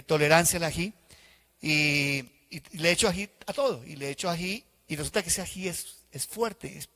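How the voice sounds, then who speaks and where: A male pastor preaching a sermon in a church, acting out the voices of people he quotes. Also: on the high side. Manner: animated, acts out congregants' voices in quotes.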